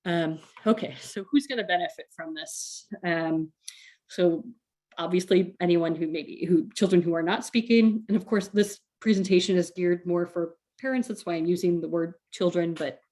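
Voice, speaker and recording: A woman speech therapist presents a recorded webinar for parents. She talks in a casual, chatty way, full of fillers and quick little laughs. Her voice sits a bit low. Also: steady tone, a little mellow.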